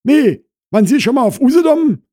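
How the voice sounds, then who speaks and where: A man voices a shrill, easily offended woman in her fifties, high and loud with indignant upward swoops. With lively intonation and a slightly fast pace, it sounds dry and close like a comic audiobook, with no room sound.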